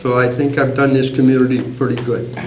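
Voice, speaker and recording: A man's voice: medium pitch, flat delivery, quick pace, very noisy. Brief: older man, folksy storyteller at a meeting, roomy and slightly dull recording. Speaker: former school board member. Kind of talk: meeting remarks. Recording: roomy, dull community TV audio.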